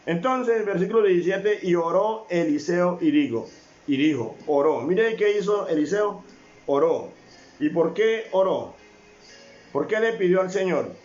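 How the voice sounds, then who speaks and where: A man's voice: high-pitched, expressive, measured pace, darkish tone, muffled recording, soft background music. A man preaching a sermon as a pastor, often calling on his brothers, asking rhetorical questions and repeating phrases.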